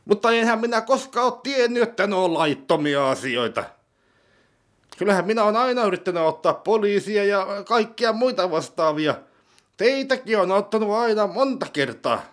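A man's voice: high voice, animated, pitched above the performer's own voice. A man voicing a fretful, easily worried character in a comedy sketch, complaining and asking anxious questions. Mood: whiny. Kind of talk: comedy sketch role-play.

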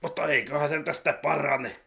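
A man voicing a scheming male boss with a gun, talking low, slow and deadpan. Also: vocal fry, heavy background noise.

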